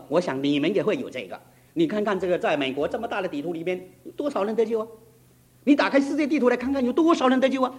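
Middle-aged guy preaching, high voice that jumps all over, gets urgent and emphatic. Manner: emphatic storytelling preacher, rising to urgent peaks. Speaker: pastor. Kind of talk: sermon.

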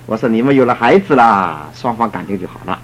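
A middle-aged man, a church elder, telling a story in a sermon in an animated way and acting out the people he quotes. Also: fairly low pitch, quick pace, slight background noise. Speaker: church elder giving a talk.

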